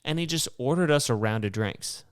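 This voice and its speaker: Brief: male podcaster, mid-pitched, smooth voice, rambling and profane, dry close sound. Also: animated, fairly quick, no echo. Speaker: podcast host. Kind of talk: casual solo storytelling.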